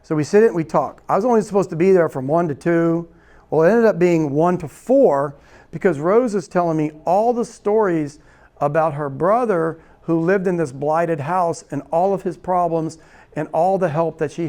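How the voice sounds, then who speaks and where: Speaking at a moderate pace in a slightly high voice, this real estate investing seminar teacher tells a story in a seminar room. He animates it by performing the dialogue himself, repeating "right?" again and again to check in with the audience.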